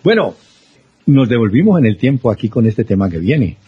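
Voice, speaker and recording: Husky man hosting radio, dry lo-fi sound. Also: medium pitch, moderate pace, dry recording. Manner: relaxed, explanatory, addresses co-host by name. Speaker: radio host. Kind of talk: conversational radio commentary. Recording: dry, dull lo-fi broadcast.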